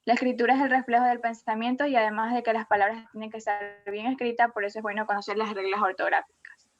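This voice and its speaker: A woman with a somewhat high voice reads her part of a class presentation, carefully and evenly, as if from a script. The audio is dull and lo-fi. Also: fast. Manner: careful, even reading of a script. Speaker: student presenter.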